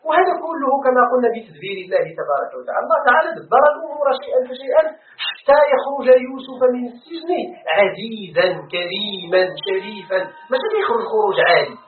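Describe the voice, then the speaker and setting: A Moroccan man teaching a Quran commentary class with a fast, high and animated voice. He explains each step and keeps asking his students whether it is clear. The recording is thin and phone-like, captured from a distance in an echoing room. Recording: echoey lo-fi phone-like lecture recording from far off.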